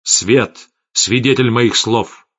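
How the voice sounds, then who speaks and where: A man's voice: mid-range voice, slow pace, fairly bright tone, husky. A man doing an imperious, wrathful old mage. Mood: stern. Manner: commanding, accusing, sharply rising. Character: imperious ancient male light mage, wrathful. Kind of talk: audiobook character voice. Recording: slightly dull lo-fi audio, faint music.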